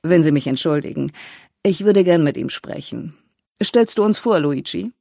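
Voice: mid-range voice, lively intonation, moderate pace, gravelly, mellow, no echo, clean studio sound. A narrator voicing an elegant middle-aged man who directs an opera house and speaks formally and courteously. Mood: polite.

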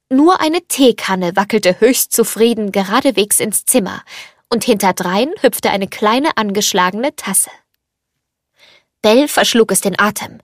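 A woman's voice: mid-range voice, no room sound, clean studio sound. Woman reading a fairy tale aloud. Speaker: narrator. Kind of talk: scripted storybook narration.

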